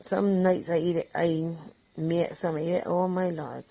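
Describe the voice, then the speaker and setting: Barbadian woman vlogger, low gravelly voice, relaxed and chatty, talks between bites while explaining a home recipe. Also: measured pace, low-quality recording. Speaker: vlog host. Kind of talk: casual cooking chat while eating.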